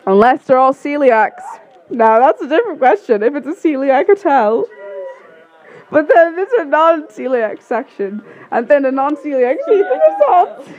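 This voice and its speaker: A young woman chatting playfully with friends, giggly and animated. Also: high-pitched, normal speed, muffled recording. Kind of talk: casual chat among friends.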